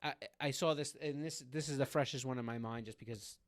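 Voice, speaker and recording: A man's voice: medium pitch, brisk. A man co-hosting a car podcast in casual chat, rambling with many fillers and restarts. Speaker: podcast co-host.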